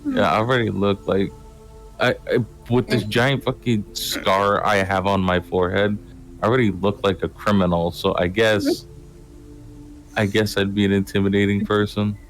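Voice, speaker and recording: A man's voice: lowish voice, flat delivery, normal speed, faint music behind. A man in a casual group chat who makes goofy, absurd jokes.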